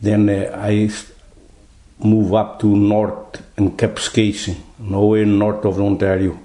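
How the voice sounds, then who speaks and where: Older man, Portuguese accent, halting broken English, low voice, roomy echo. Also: completely flat delivery, warm tone. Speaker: interviewee. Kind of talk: oral history interview.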